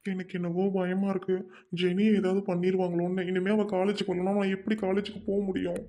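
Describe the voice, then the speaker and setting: Woman playing a lovesick college guy, fast worried talk, mellow lowish voice, home audio drama. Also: level tone, lightly acted. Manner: quick, earnest, worried. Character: anxious lovesick young college man.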